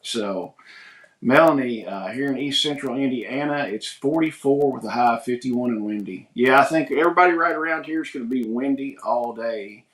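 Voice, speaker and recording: A man's voice: medium pitch, normal speed, fairly bright tone. A man chats loosely on a morning livestream. His voice sits in a middle register, and his talk is folksy and rambling. The sound carries a noticeable room echo. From United States. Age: 40s. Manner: rambling, folksy, reads viewer comments aloud. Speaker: livestream host. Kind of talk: casual livestream chat. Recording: echoey room.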